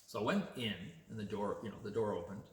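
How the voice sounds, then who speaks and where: A man's voice: fairly low pitch, quick pace, roomy sound, slight background noise. Chatty man telling a story. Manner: chatty, animated retelling with laughs. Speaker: vlogger. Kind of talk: casual storytelling.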